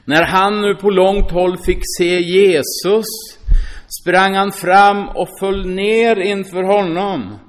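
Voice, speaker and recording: A man preaching a sermon, reading scripture aloud and commenting on it in a chatty way, often asking his listeners "va?". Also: high voice. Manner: lively, swings from loud exclamations to hushed asides.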